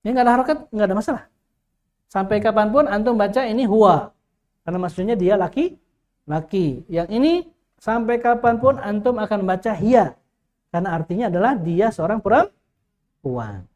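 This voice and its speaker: A man's voice: high-pitched, expressive, moderate pace, pauses often, darkish tone. A male teacher leads an Arabic grammar lesson. He quizzes his students constantly with short questions and repeats the key words until they stick.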